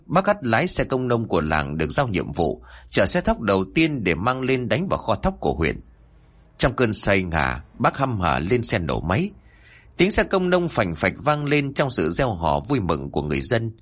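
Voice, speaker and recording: A man narrating a ghost story in an expressive, dramatic storytelling manner. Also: fairly low pitch, breathy edge. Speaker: horror storyteller.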